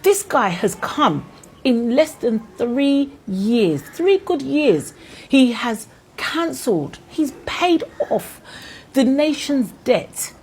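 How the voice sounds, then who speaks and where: A woman's voice: sits high, big pitch swings, slow, slight background noise, poor audio. A Ghanaian woman vlogging fiery, indignant commentary, firing off rhetorical questions. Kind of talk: impassioned commentary to camera.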